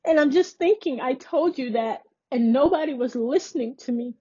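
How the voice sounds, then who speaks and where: A woman's voice: high-pitched, normal speed, mellow, breathy edge, dull audio. A woman hosting a podcast, earnestly and emphatically retelling a personal experience. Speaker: podcast host. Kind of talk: personal storytelling.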